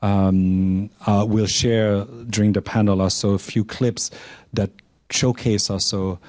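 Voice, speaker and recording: A man in his forties, born in Cambodia and raised in Canada, giving measured opening remarks on a panel with many fillers and restarts into a handheld microphone in a lecture room. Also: lowish voice, level tone, darkish tone, dry recording. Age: 40s. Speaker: panel speaker.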